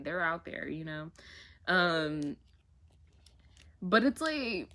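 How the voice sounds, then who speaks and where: A young woman ranting casually to her viewers, swearing freely and packing her talk with "like" and fillers. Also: fairly low pitch. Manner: animated, profane, filler-heavy "like". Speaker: vlogger. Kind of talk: casual rant to camera.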